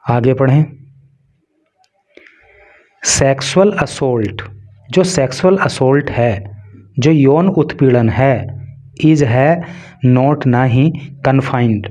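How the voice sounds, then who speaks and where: A man's voice: mid-range voice, takes it slowly, pauses often, mellow. A man with a Hindi accent teaching English through a newspaper, reading phrase by phrase and explaining each word's meaning in Hindi. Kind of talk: line-by-line newspaper translation lesson.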